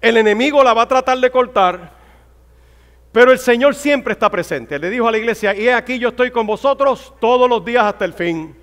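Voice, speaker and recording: High-voiced preaching man in a reverberant hall. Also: a little fast, fairly bright tone. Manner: fervent preaching, rising to exclamations. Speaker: pastor. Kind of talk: sermon.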